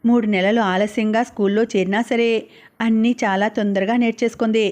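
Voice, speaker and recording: A woman's voice: on the high side, fairly even intonation, fairly quick, a little mellow, lightly acted. A woman voicing a polite middle-aged male tutor in an audiobook, speaking respectfully and earnestly.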